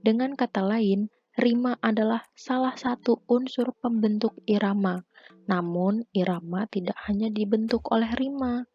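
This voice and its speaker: A young woman student presenting a lesson as a voice-over for slides, reading in a measured way that lists points one by one. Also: a little high, steady tone, husky, no room sound, lo-fi sound. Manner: measured, read-aloud listing. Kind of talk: scripted lesson narration.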